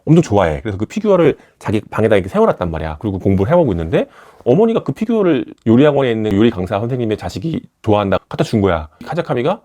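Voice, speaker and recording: Fast, animated man retelling a manga. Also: lowish voice. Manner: retells scenes and acts out characters' lines with a shifting voice. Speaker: manga commentator. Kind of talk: animated storytelling commentary.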